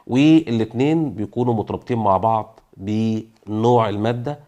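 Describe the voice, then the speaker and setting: A man's voice: on the low side, mellow. A man with an Egyptian Arabic accent, explaining an engineering topic in a casual lesson, full of fillers and everyday comparisons. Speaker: engineering educator.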